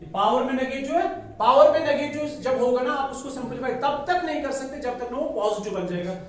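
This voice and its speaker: High-voiced man teaching in an echoey classroom. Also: fairly quick, a bit bright. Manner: explains step by step, asks the class questions and has them answer; mixes English into his sentences. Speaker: maths teacher. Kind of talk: classroom lecture. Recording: echoey classroom from far off with faint noise.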